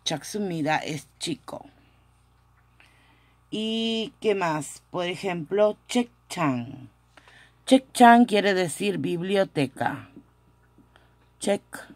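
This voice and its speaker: Lady teaching words real slow, repeats everything, dry close phone sound. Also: fairly low pitch, animated, no room sound. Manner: repeats words slowly, corrects her own pronunciation. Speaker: Korean language teacher. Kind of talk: slow, careful language lesson. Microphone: phone camera.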